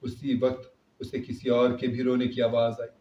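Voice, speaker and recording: A man telling a moral story in steady scripted narration. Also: mid-range voice. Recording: roomy, distant, dull recording.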